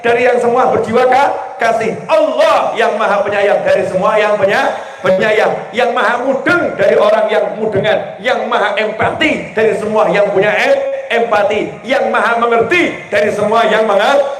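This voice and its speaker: A male preacher gives a lively sermon, teasing the audience with questions. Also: high-pitched. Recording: echoey room with faint ambience.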